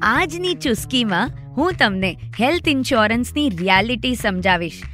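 A woman's voice: on the high side, lively intonation, normal speed, a bit bright, faint music behind. A woman in her thirties hosting a finance podcast, telling a story in a chatty way and acting out the lines of a friend. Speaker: podcast host.

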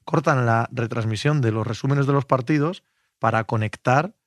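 A man's voice: medium pitch, moderate pace, no room sound. A man in his forties from Spain with a Spanish accent, hosting a sports show in loose, colloquial chat, often nostalgic. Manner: nostalgic, colloquial, swears casually.

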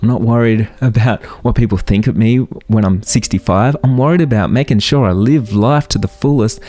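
A man in his thirties hosts a motivational podcast on his own, his warm, lowish voice moving at a fairly quick clip. He talks earnestly and keeps firing off rhetorical questions as soft music plays underneath.

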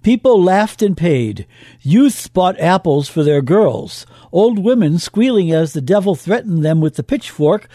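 High-voiced man reading history, mellow and dry. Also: dry recording. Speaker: radio history narrator. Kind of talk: scripted narration.

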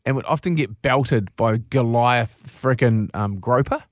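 A man's voice: mid-range voice, measured pace, dry recording. A man co-hosting a radio show in a casual, blokey, slangy way, chatting and telling stories in a studio. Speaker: radio co-host. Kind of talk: casual radio chat and animated reading aloud of a comic anecdote.

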